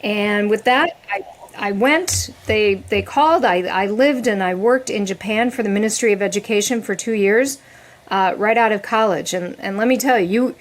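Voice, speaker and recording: A middle-aged woman chatting as a podcast guest, animated, often laughing and restarting her sentences. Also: mid-range voice, moderate pace. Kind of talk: casual podcast conversation.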